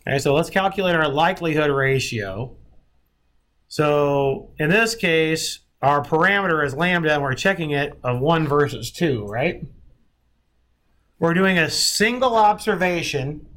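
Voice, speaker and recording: High-voiced man lecturing a math class. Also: measured pace, fairly bright tone. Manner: thinks aloud, checks in with "right?". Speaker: math instructor.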